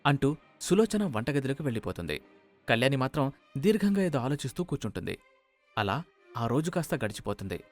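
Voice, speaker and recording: A man narrating a scripted cartoon moral story in a steady, even manner. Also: medium pitch, brisk, long pauses, faint music behind.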